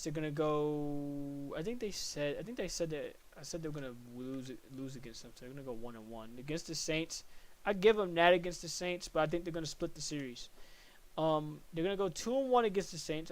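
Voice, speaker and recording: A young man hosting a casual solo podcast, rambling and correcting himself as he thinks aloud through sports predictions. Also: on the high side. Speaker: podcast host.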